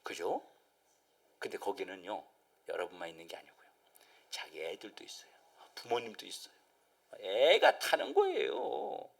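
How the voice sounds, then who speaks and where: A man's voice: fairly low pitch, very animated, normal speed, vocal fry, pauses often. A male pastor preaching a midweek sermon, acting out voices of the crowd and dropping at times to a near-whisper. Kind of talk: Wednesday service sermon.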